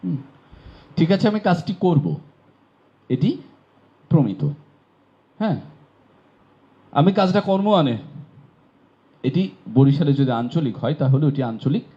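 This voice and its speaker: A man's voice: medium pitch, expressive, normal speed, pauses often, warm tone. A man from Bangladesh teaching pronunciation in a classroom lecture, explaining patiently and asking rhetorical questions. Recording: dull lo-fi recording.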